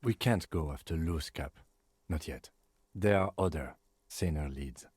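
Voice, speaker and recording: A man voicing a calm, methodical police lieutenant in a video game, speaking in a dry, precise and composed way. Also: a bass voice, measured pace, husky, no room sound, exaggerated voice.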